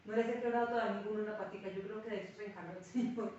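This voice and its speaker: A woman pastor with a mid-range voice teaches a Bible class at a rapid-fire clip, telling anecdotes and acting out people's quoted words like a lively storyteller. Her sermon-like teaching was recorded from a distant mic in a very echoey room, leaving the sound dull with a little hiss or hum.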